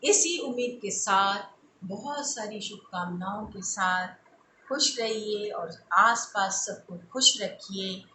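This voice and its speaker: A woman teacher giving a recorded lesson to young children, slowly and deliberately saying sounds for them to copy and checking that they understand. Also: mid-range voice, sharp tone, roomy sound, slight background noise, low-quality recording.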